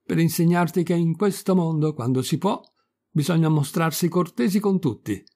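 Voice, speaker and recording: A man's voice: fairly high pitch, moderate pace, mellow, voice pushed up. A man reading a lecturing talking cricket. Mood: reproachful. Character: scolding talking cricket, old and wise. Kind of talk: audiobook reading.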